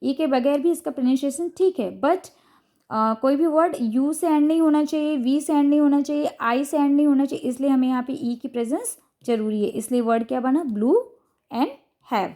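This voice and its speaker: Woman, Indian accent, high-pitched, patient, explaining a lesson, young adult. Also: moderate pace, mellow. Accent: Indian English. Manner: patient, repeats "ठीक है" to check understanding. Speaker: teacher and channel host. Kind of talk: explaining phonics lesson to parents.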